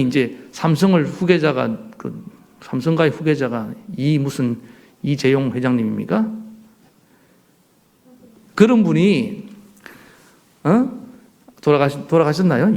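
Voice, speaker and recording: A male pastor preaching a sermon in a church, animated, asking the congregation rhetorical questions. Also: medium pitch, gravelly. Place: church sanctuary.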